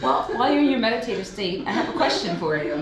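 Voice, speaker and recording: A woman's voice: a little high, sing-song, fast, heavy background noise. A woman hosting a casual interview, playful and teasing, with a giggly way of talking. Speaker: host. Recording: echoey room with loud crowd behind.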